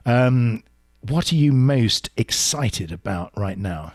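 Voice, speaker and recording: A man hosting a podcast, playful and chatty as he jokes and works through a list of quick questions. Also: mid-range voice, lively intonation. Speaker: podcast host. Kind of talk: casual interview, rapid-fire questions.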